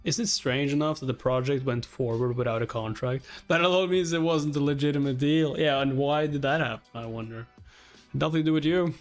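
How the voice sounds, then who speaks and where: A reaction channel host reads webtoon dialogue and captions aloud, acting out each line dramatically and shifting pitch between characters. His tone is steady and his pace brisk, with faint music in the background.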